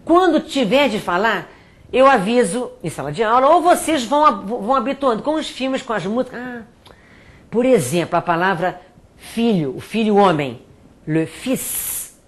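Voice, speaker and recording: Middle-aged Brazilian teacher, lively intonation, careful demonstrative delivery. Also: female voice, on the high side. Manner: explanatory, repeats words slowly to demonstrate pronunciation. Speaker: French teacher and author. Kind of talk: spoken language tips to students.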